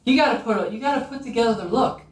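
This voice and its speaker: A man's voice: extremely high pitch, very fast, roomy sound, far from the mic. A middle-aged man hosting his own comedy show, ranting in a rambling, profane, mock-earnest monologue. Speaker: comedian host.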